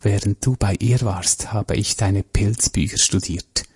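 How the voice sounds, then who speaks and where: A man reading the part of a betrayed wife who speaks in a quiet, cutting tone, his voice dark and husky. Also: on the low side, a little slow. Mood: bitter. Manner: quiet, cutting, pressed through teeth. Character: betrayed wife, cold and vengeful.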